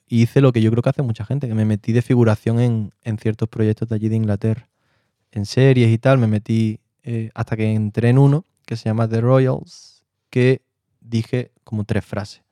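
A man's voice: fairly low pitch, fairly even intonation, normal speed, warm tone, no echo, clean studio sound. A man from Spain, an actor and director, telling his story in a casual interview. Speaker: interview guest. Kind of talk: casual chat.

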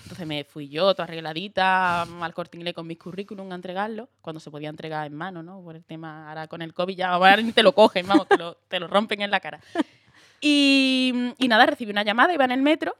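A young woman from Andalusia, chatting as a guest and telling lively stories with laughs. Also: fairly low pitch, fast, no echo. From Andalusia, Spain. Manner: lively storyteller, laughs often, acts out quotes. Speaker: guest actress. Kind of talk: casual chat.

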